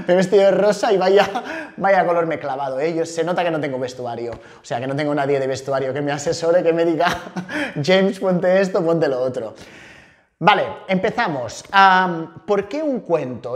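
Lively man with a raised pitch. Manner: lively, playful, jumps to high excited pitch. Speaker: host and language teacher. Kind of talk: casual video lesson to camera.

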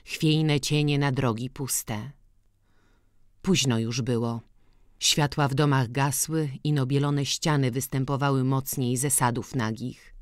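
Slow, measured woman audiobook narrator. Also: a bass voice, dry recording, studio quality. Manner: slow, measured, even reading. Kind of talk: scripted narration of a classic novel.

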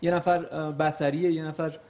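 A young man with a slightly high voice chats as a TV guest. He explains things with homely examples and pauses often with fillers, casual and unhurried. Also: little pitch movement, darkish tone. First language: Persian. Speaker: guest, multilingual tour guide. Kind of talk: casual studio chat.

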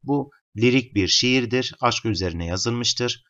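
A man's voice: medium pitch, takes it slowly, highs cut off. A male teacher working through literature exam questions step by step, calling his students friends. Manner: steady explanatory, addresses students as friends.

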